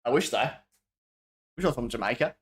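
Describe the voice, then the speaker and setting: An Australian man hosts a livestream in a mid-range, expressive voice with a fairly bright tone, talking a little fast. He chats casually and reads out viewer messages, rambling, slangy and restarting often.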